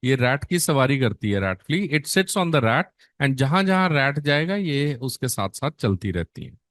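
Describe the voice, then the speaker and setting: Hindi-English nursing teacher, close dry mic. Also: male voice, mid-range voice, sing-song, a bit bright, no room sound. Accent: Indian. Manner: mixes Hindi and English, quizzes students with rhetorical questions; drags out key terms slowly for emphasis. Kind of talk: online exam-prep lecture.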